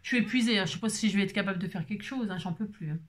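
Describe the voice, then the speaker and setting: Talking rapid-fire in a mid-range voice, a woman craft vlogger chats in a bubbly, playful way. She tags "hein" onto her sentences again and again and sings little snippets along the way.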